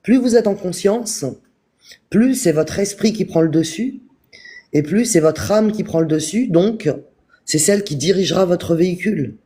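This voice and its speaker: A man giving a calm, repetitive spiritual talk on a live stream, speaking straight to his viewers. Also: sits high, moderate pace, slightly rough. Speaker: spiritual teacher.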